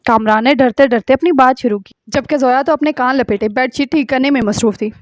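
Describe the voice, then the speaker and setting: A woman reading a romance novel aloud in a steady storytelling manner. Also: high voice, no room sound, dull audio. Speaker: narrator.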